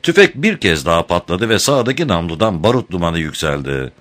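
A man narrating an audiobook chapter in an expressive, dramatic reading style. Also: low voice, a little fast. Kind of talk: scripted narration.

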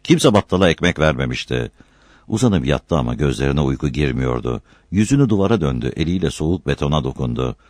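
A deep-voiced man reads a novel aloud with a measured, storytelling delivery. His pitch moves lively across the phrases, and the recording is dry and close to the mic. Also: no echo. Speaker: audiobook narrator.

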